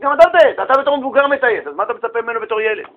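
A man teaching a religious lesson with animated storytelling, asking rhetorical questions and acting out the people in his stories. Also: extremely high pitch, phone-quality sound. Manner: animated storytelling, acts out quoted voices. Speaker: Torah teacher.

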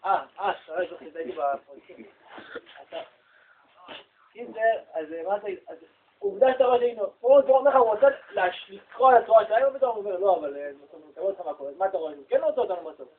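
High-voiced guy student talking in class, halting, far from the mic, thin phone-like sound. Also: lively intonation. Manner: hesitant, halting. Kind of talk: classroom discussion.

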